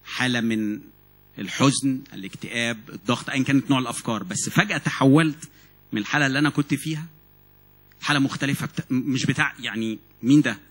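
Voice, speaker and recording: A man preaches in Egyptian Arabic, words tumbling out at a fast clip. His voice has a husky edge, and he keeps restarting and repeating words. He sounds animated as he builds his points. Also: medium pitch. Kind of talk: sermon. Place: church meeting hall.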